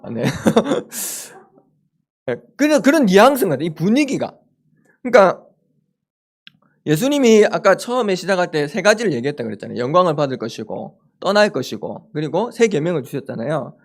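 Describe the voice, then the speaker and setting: A man giving a chapel sermon to a live audience, animated, joking with listeners and acting out the disciples' questions. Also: high voice, normal speed, vocal fry. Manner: animated, acts out the disciples' questions in lively voices; jokes with the audience. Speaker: campus ministry speaker.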